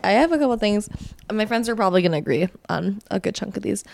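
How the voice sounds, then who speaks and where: A woman's voice: mid-range voice, lively intonation, fast talker, gravelly, darkish tone. Chatty young woman telling stories. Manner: chatty storyteller, laughs while telling. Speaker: podcast co-host. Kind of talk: casual chat.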